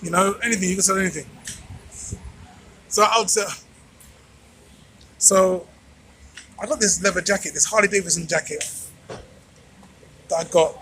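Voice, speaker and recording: High-pitched man, bright, preaching to viewers. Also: moderate pace, long pauses, slight background noise. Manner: emphatic, preacher-like address with rhetorical repetition. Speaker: vlogger and channel host. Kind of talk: informal motivational monologue to viewers. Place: out on a street at night.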